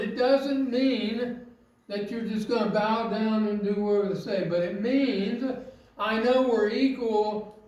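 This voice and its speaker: A man preaching a sermon, earnest and emphatic, asking rhetorical questions with slow, weighted phrasing. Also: high-pitched, darkish tone, distant mic. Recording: very echoey, from off mic.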